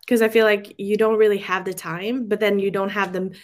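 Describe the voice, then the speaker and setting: A woman's voice: medium pitch, level tone, fairly quick. A young woman from Sweden, a photographer chatting as a podcast guest, rambling with many fillers and restarts. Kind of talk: casual interview chat.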